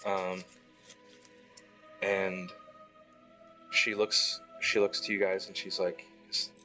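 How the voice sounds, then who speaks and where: A man narrating as game master of a tabletop game, describing scenes slowly with fillers, music playing behind. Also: low-pitched, flat delivery, sharp tone, poor audio. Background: background music.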